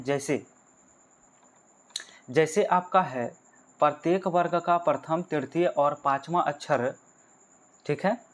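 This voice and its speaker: A man with a fairly high voice teaches a grammar lesson for exam candidates. He goes through each point step by step, puts questions to his listeners and then answers them himself. He calls the viewers friends. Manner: explains step by step, repeats key points, asks and answers his own questions.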